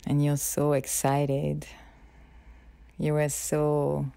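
A woman speaking softly and intimately, right in the listener's ear, guiding a tender visualisation for a partner. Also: deep voice, completely flat delivery, drawn-out words, gravelly, smooth, dry recording. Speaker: guide of a self-love ritual.

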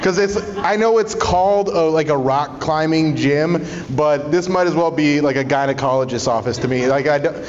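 A man's voice: on the high side, moderate pace, hardly any pauses. Stand-up comic, male, loose sweary crowd-work banter; muffled live sound in a reverberant room. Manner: casual, conversational, profane. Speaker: stand-up comedian. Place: small live comedy show in a climbing gym. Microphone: handheld stage microphone, recorded from the audience. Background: audience laughter.

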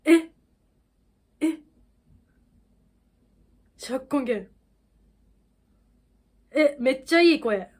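A woman hosting a reaction video, reacting with excited exclamations and then talking through her thoughts casually. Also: high-pitched, extremely slow, pauses often.

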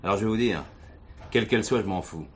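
An actor playing a stern, fast-talking police chief. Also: male voice, fairly low pitch, lightly acted. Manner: firm, dry, matter-of-fact. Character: stern police commissioner, middle-aged, unflappable. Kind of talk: 1970s TV drama acting.

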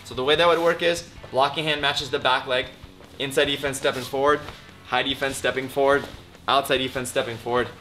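Brisk, bright-voiced man teaching martial arts blocks. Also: mid-range voice. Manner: brisk step-by-step instruction. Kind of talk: technique demonstration. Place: martial arts studio, indoors.

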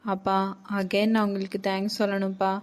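A woman's voice: medium pitch, completely flat delivery, a little fast, close to an everyday voice. A woman voicing an affectionate young daughter in a cartoon, sweet and pleading.

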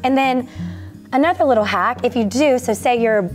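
A woman's voice: on the high side, moderate pace, faint music behind. Chatty woman explaining a recipe. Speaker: food business founder, guest. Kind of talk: casual how-to demonstration.

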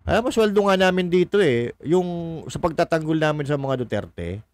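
A man's voice: fairly high pitch, expressive, moderate pace, no echo. A man doing casual political commentary on a livestream, mocking and combative, swearing and reading viewer comments aloud. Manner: mocking, combative, swears, laughs at own jokes.

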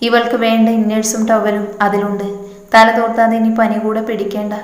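Woman reading stern short-tempered brother, storybook, curt, scolding, flat pitch, roomy echo. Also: brisk, close to an everyday voice. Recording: echoey room with long reverb.

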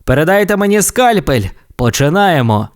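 A cheerful tow truck who loves bragging about his heroics, put on by a male storyteller. The voice sits high and bounces all over. Each line comes out proud and self-satisfied, like an audio storybook character. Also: very animated, normal speed. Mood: boastful. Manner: proud, boastful tall-tale teller.

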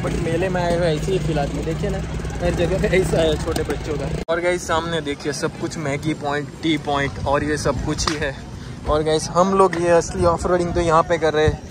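A young man talks casually to his viewers as he walks around a foggy hilltop. His voice sits a little high, and he keeps calling out to the audience in a loose, chatty way. The sound comes from a handheld phone outdoors, with clear background noise behind him. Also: fairly even intonation, brisk. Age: young adult. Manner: chatty, addresses viewers as guys. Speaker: travel vlogger. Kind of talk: casual travel vlog. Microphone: handheld phone at arm's length.

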